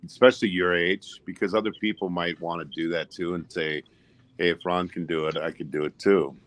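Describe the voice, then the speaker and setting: Very deep-voiced man in his fifties. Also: steady tone, a bit bright. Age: 50s. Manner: measured, encouraging. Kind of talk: casual chat.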